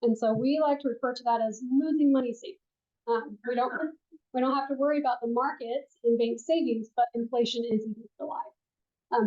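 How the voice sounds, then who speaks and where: Captured on a room mic in muffled, lo-fi sound, a woman financial advisor presents to a classroom full of people. She is soft-spoken and gentle, saying um a lot, and her voice is fairly high yet mellow.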